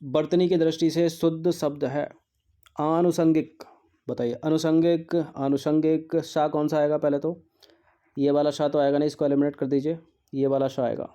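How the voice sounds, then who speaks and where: A man's voice: a little high, little pitch movement, normal speed, dark tone. A male teacher going through exam practice questions, repeating words to drill their spelling and mixing in English terms.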